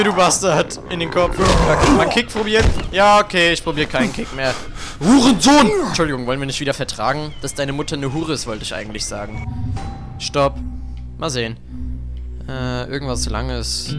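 A young man commenting on a video game he is playing, crude and jokey, trash-talking the characters on screen. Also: on the high side. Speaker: let's play gamer.

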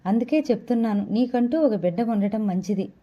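A woman's voice: a little high, expressive, fairly quick, lo-fi sound. A woman reading the part of a kindly woman doctor who explains things patiently and reassuringly.

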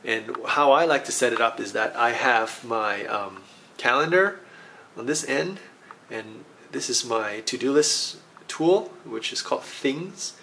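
Man, gravelly, mid-pitched, halting casual tech demo, home office, faint hiss behind. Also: expressive, pushed and bright. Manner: halting, many ums and restarts. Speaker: tech vlogger. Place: home office in a high-rise apartment.

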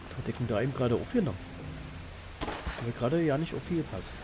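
A man's voice: mid-range voice, expressive, fast talker. Colloquial man over noisy game sound. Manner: thinking aloud, colloquial, slangy. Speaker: let's play host. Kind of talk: casual gameplay commentary. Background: game ambience.

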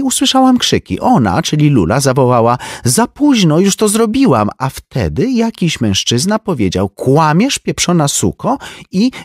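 A rich socialite woman, bored and catty, her raised voice flat and offhand, as a male narrator puts her on. The lines swing up and down in pitch. It comes across dry and close. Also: no echo. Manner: flat, indifferent delivery.

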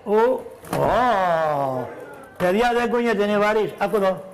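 A man playing a cheeky, loud puppet-show trickster. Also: sits high, expressive. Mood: coaxing. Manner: loud, bantering, teasing, addresses children in audience. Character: cheeky scheming poor man, swing-ride hawker. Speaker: shadow puppeteer. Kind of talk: live Greek shadow-puppet theatre. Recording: live show with audience noise. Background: audience of children.

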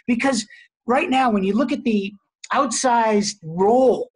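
A man's voice: extremely high pitch, measured pace, husky. Man, middle-aged, conversational, emphatic, webcam from an office. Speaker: host, industry association head. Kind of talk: video call town hall. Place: office, indoors. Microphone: video call webcam.

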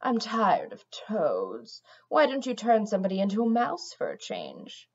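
Jasmine: a bored, purring she-cat, read by a woman, soft and slow, storybook voice, muffled sound. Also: medium pitch, huge pitch swings, husky, exaggerated voice. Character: bored, sly female ginger cat.

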